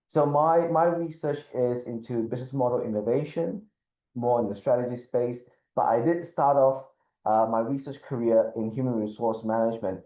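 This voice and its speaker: A middle-aged man from Malaysia, a business school dean, giving a measured webinar talk and often repeating words as he thinks. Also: medium pitch, dark tone, echoey room, rough recording. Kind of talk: webinar presentation.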